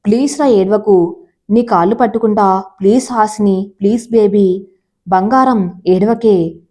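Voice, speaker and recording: A devoted young man pours out his love in a soft, pleading way, as a woman storyteller reads his lines. The voice stays mellow and warm, at a middling pitch for a woman's reading. It is an everyday reading voice, not a big character voice. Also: unhurried, lightly acted. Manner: tender, pleading, emotional.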